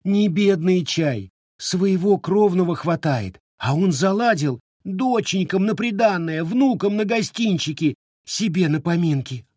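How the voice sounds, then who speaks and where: A man's voice: high voice, unhurried, no echo, clean studio sound, pitched above the performer's own voice. A man voicing an anxious peasant wife who laments and pleads. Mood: lamenting.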